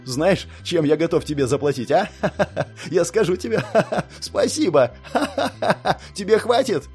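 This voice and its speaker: A man's voice: mid-range voice, lively intonation, normal speed, darkish tone, soft background music, close to an everyday voice. A man voicing a furious young dragon-like monster man who roars, snarls and laughs in fits. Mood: hysterical mocking. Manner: roaring, snarling, laughing hysterically.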